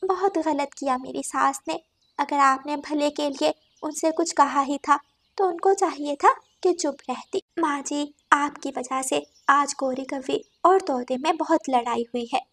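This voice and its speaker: A woman voicing a polite young female sparrow, a daughter-in-law in a cartoon, talking softly. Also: high voice, unhurried, voice pushed up. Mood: concerned. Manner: soft and polite, mildly complaining.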